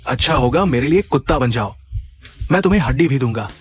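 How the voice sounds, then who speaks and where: A man's voice: medium pitch, expressive, quick pace, faint music behind, lightly acted. A man voicing a swaggering, boastful village bully who taunts his rival in a dubbed drama. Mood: gloating.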